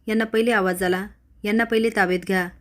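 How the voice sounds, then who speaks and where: A woman's voice: mid-range voice, fairly even intonation, fast, lightly acted. A commanding middle-aged officer barks orders at the family, as a woman storyteller reads his lines. He is blunt and bossy in this storybook recap.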